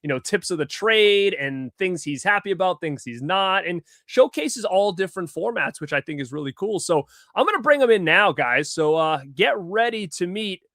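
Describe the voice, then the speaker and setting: A man's voice: high voice, dry recording, studio quality. Upbeat man hosting a livestream on a headset mic. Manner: upbeat, shouts out viewers by name. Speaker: livestream host. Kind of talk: casual live-chat greetings.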